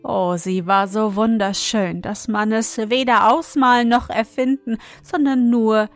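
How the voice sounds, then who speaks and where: A woman reading a fairy tale aloud in a measured, even way. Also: fairly high pitch, faint music behind. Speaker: storyteller.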